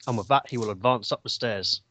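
A man's voice: mid-range voice, quick pace, pushed and bright. A man taking part in a tabletop game as a player, in casual chat.

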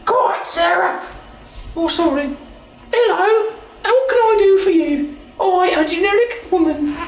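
Casting: a woman to play a chatty, bawdy village gossip for a fantasy game, very high voice, slightly distant. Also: lively intonation, measured pace. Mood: gossipy, bawdy. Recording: echoey room, off mic.

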